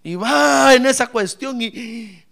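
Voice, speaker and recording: A male pastor preaching a lively sermon, asking the congregation questions and swinging from shouts to soft asides. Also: very high voice, takes it slowly, vocal fry. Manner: animated, playful, asks the congregation questions; bursts into shouts then drops to soft asides.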